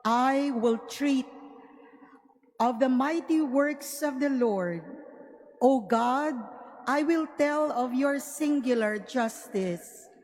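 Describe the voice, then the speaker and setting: A woman's voice: sits high, takes it slowly, a little mellow. A woman reads a psalm solemnly as lector, in short separated phrases in a cathedral. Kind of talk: solemn liturgical psalm reading. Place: large cathedral, microphone through sound system. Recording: cathedral reverb, faint background noise.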